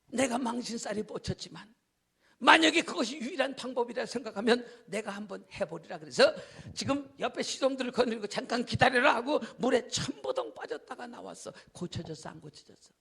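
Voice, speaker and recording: A male pastor preaching an evening revival sermon, telling a story dramatically, acting out characters, shouting and dropping to whispers. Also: extremely high pitch, expressive, fairly quick, vocal fry, husky. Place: church hall.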